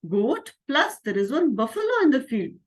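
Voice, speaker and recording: A woman's voice: high-pitched, big pitch swings, moderate pace. A woman voicing a lazy, whiny young village boy in a children's story.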